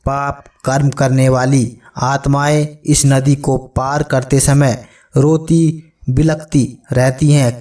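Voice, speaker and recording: Guy reading a religious story, slow and solemn, kinda far from the mic. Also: mid-range voice, mellow. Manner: solemn, measured storytelling addressed to friends. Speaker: narrator. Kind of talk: scripted religious narration.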